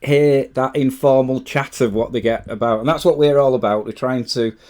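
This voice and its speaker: A man's voice: mid-range voice, normal speed, a little mellow. A man hosting a podcast, talking casually and enthusiastically, often restarting his sentences. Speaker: podcast host.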